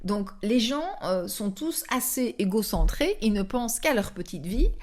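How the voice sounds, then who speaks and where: A woman hosting a motivational podcast, speaking directly to the listener in an animated, coaxing way and acting out inner thoughts. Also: medium pitch, unhurried. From France. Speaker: podcast host and coach.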